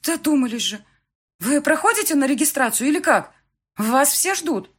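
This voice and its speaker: Woman putting on a shrill scolding office clerk. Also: expressive, moderate pace, fairly bright tone. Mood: indignant. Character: stern indignant middle-aged registry office clerk.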